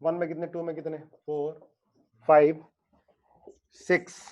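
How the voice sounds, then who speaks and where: Brief: man, chemistry teacher, high-pitched, playful and teasing, lo-fi online lecture sound. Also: level tone, unhurried, mellow. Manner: joking, teasing students by name; explains with playful analogies.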